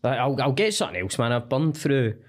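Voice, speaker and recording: A man's voice: mid-range voice, big pitch swings, a little fast. A man with a Glasgow-area Scottish street accent, chatting casually and comically as a podcast guest in a sweary, slangy, self-deprecating way. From Cumbernauld, Scotland.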